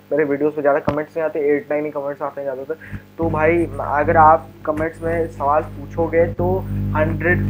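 A young man with an Indian accent giving a casual, chatty coding tutorial, with many fillers and restarts. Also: on the high side. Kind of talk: casual screen-recorded tech tutorial.

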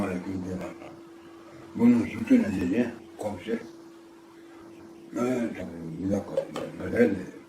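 A man's voice: on the low side, background noise. Older man, interview subject, rambling and repetitive storyteller, recorded from a distance in a roomy space with faint background ambience. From Ardahan, northeastern Turkey. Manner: rambling, acts out quoted dialogue, repeats himself. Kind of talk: casual spoken memoir.

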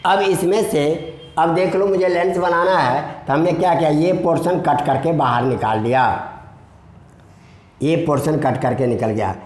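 A male physics teacher giving a video lesson, dictating notes slowly and repeating words, calling his students children. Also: on the high side, darkish tone. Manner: addresses students fondly as children. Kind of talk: classroom lecture in a video lesson. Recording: echoey room.

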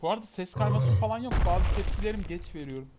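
A man's voice: high-pitched, animated, quick pace, over loud music. A young man giving casual commentary on a game he is playing, talking back at the screen, urging it on and grumbling. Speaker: gameplay commentator. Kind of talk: casual let's-play commentary. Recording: loud background noise.

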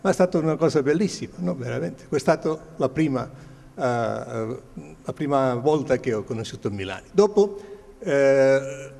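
A man in his seventies from Spain, a native Spanish speaker with a Spanish accent, haltingly searching for words as he shares recollections with an audience through a handheld microphone. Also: medium pitch, lively intonation, gravelly, warm tone. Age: 70s. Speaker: guest speaker. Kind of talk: informal recollection addressed to an audience. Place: large glass-walled hall, indoors. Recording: echoey hall over a PA.

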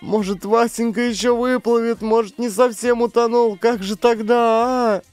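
A man voicing a frightened stout woman who runs a camp canteen, with a shrill pleading wail. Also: expressive, measured pace, a little mellow, faint music behind.

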